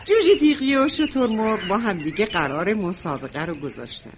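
Expressive woman telling a children's story. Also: mid-range voice, a little hiss or hum. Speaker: storyteller as grandmother.

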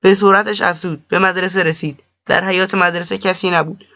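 High, flat-toned male story narrator. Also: no room sound. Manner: steady, measured reading. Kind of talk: storybook reading. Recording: dull lo-fi dry recording.

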